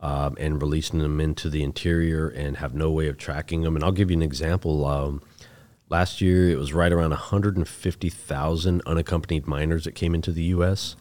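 Very deep-voiced plainspoken man. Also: steady tone, a little fast, a little mellow. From United States. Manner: plainspoken, calls the host bro. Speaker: chief deputy sheriff. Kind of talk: casual podcast interview.

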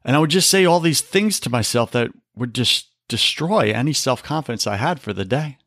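A man's voice: medium pitch, lively intonation, brisk, fairly bright tone, no echo, studio quality. A man talking on a faith podcast, preaching with emphasis and often calling the listener brother. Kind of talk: faith-based podcast talk.

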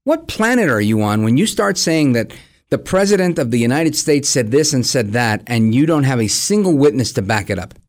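A man's voice: mid-range voice, big pitch swings, a little fast. A man gives opinionated, conversational commentary as a program host, acting out imagined dialogue and posing rhetorical questions. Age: 40s.

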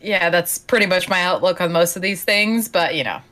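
Chatty Slovenian-born woman, lower voice. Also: normal speed, bright, forceful tone. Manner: chatty, self-deprecating, with restarts. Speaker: podcast guest. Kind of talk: casual chat. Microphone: video call.

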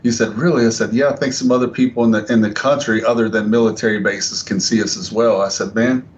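A man's voice: on the low side, fairly even intonation, fast. A man as a podcast guest, telling stories in a casual, rambling way with many fillers and restarts. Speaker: guest wrestler. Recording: slightly dull lo-fi audio with faint noise.

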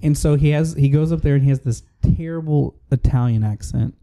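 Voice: medium pitch, a little fast, mellow. A podcast co-host chatting casually and telling a rambling story full of fillers.

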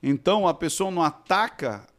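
A man's voice: on the high side, expressive, moderate pace, a bit bright. A man, a podcast guest and expert who explains things didactically and keeps checking that he is understood. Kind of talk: explanatory conversation.

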